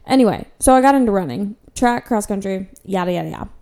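A woman's voice: mid-range voice, animated, quick pace, dark tone. A young woman in her twenties casually telling her own story in a candid, self-deprecating way, with lots of "like" fillers. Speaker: vlogger.

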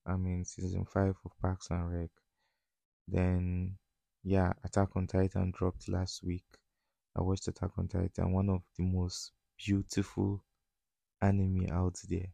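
Mellow low-key male voice, Nigerian accent, fairly flat intonation, slangy Pidgin-mixed talk, informal podcast host. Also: a little slow, gravelly, dry recording. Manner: slips often into West African Pidgin. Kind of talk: casual solo podcast chat.

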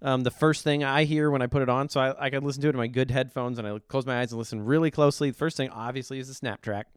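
A man's voice: mid-range voice, steady tone, quick pace, clear, resonant tone, no echo, clean studio sound. A middle-aged man co-hosting a podcast, giving blunt, opinionated song reviews in casual chat. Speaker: podcast co-host reviewing songs.

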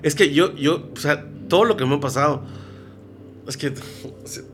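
A man with a Mexican accent, a podcast guest, telling stories in an excitable, rambling way. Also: fairly high pitch, moderate pace, slight background noise. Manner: excitable, rambling, restarts sentences. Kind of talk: casual chat.

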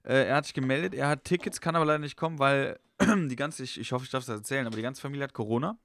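A young man on a casual podcast, an animated storyteller who acts out quoted dialogue. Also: mid-range voice, very fast. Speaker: podcast co-host and comedian.

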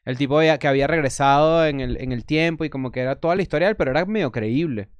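A man chats on a live podcast, quick and eager to explain his theories. His voice is clear and resonant, slightly higher than most men's, and it sounds dry and close to the mic. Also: dry recording. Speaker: podcast co-host. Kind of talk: casual live podcast chat.

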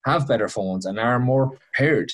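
A man's voice: mid-range voice, moderate pace. A man with a west of Ireland accent chatting casually and giving his opinions in a colloquial, anecdotal way.

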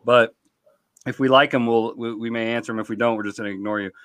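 A man's voice: mid-range voice, steady tone, fast talker, a bit bright, no room sound. A man hosting a podcast, joking loosely in casual group banter and reading listener questions. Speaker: podcast host.

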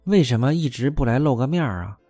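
A man voicing a jealous young concubine, sharp-tongued and pleading, as a storyteller. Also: mid-range voice, lively intonation, quick pace, husky, no room sound, faint music behind. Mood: pressing.

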